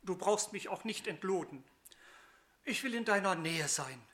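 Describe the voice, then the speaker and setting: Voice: mid-range voice, slow, pushed and bright. A reader voicing a ragged, remorseful young son. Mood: humble, quiet. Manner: contrite rhymed verse.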